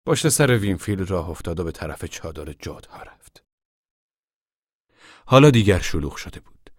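Fields: deep-voiced male narrator, soft and measured. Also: no room sound, studio quality. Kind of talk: scripted narration of a novel.

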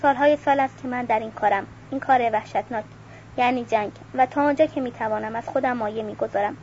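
A woman's voice: on the high side, a little mellow, dull audio, slight background noise, close to an everyday voice. A woman reading the lines of a melancholy aristocratic army captain, weary and refined.

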